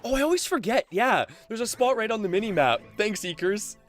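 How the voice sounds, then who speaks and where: A man's voice: high-pitched, animated, a little fast, faint music behind. Chatty Canadian man streaming with a headset. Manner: chatty, lots of fillers and laughs. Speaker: game streamer. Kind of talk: casual live-stream chat.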